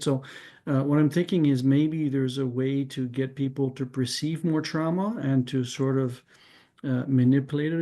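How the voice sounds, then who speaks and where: This discussion participant is a Canadian man whose first language is French, and his voice is low and mellow. Chatting casually with a group, he works through ideas out loud, keeps starting over, and caps his remarks with "right?"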